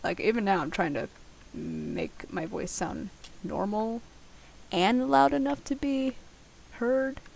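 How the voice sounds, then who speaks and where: A gaming video host, this young woman records casual Let's Play commentary on a survival game from home late at night, rambling and poking fun at herself. Her medium-pitched voice is creaky and a little mellow, slow but lively in intonation, with slight background noise.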